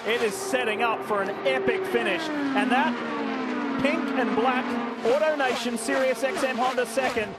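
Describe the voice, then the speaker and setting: A man's voice: extremely high pitch, normal speed. A man giving live motorsport commentary as lead announcer, with a dramatic, urgent play-by-play delivery. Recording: loud engine roar behind. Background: race cars and track noise.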